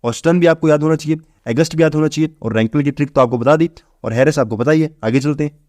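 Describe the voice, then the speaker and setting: A young man teaching exam vocabulary, briskly asking and answering his own questions. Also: a little high, dark tone, no echo, studio quality. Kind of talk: exam-prep vocabulary lesson.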